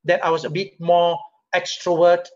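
Speaking at a normal pace in a high-pitched voice, this middle-aged Singaporean-accented CEO gives a leadership pep talk to a video call. His style is conversational and full of rhetorical questions, and he livens up as each point lands. The sound comes through a webcam or laptop mic in a home or office room and is muffled.

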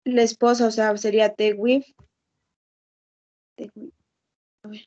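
A woman's voice: fairly high pitch, little pitch movement, measured pace, a little mellow. A woman student giving hesitant, unsure answers in class, with lo-fi call audio. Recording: faint hiss, lo-fi call audio.

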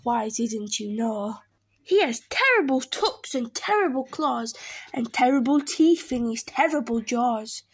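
A woman voicing a small, clever, boastful mouse with a bright, cheeky manner. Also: a little high, expressive, measured pace, slightly rough, heavily acted. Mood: sly.

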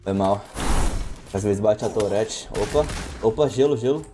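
A man's voice: on the low side, measured pace, dark tone. A man with a Brazilian accent chatting playfully and teasing teammates while streaming a shooter game, with music and gunfire behind. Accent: Brazilian Portuguese. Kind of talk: casual gameplay chat.

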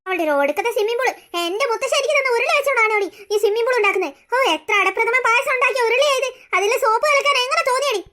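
A voice actor playing a hot-tempered, possessive old grandmother in a cartoon story, who scolds and threatens quickly. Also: extremely high pitch, expressive, sharp tone, heavily acted. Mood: furious.

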